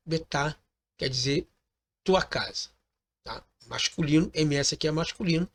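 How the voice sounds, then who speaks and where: A man teaching a recorded lesson, patiently explaining step by step and often checking in with his listeners. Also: on the high side. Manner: patient, repeats points, ends phrases with "tá bom?".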